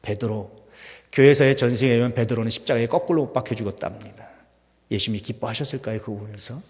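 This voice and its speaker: Korean pastor preaching in a reverberant church. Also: male voice, mid-range voice, fast talker. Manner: swings between loud emphatic peaks and hushed near-whispers, many rhetorical questions. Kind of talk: sermon. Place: church sanctuary. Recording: long hall reverb.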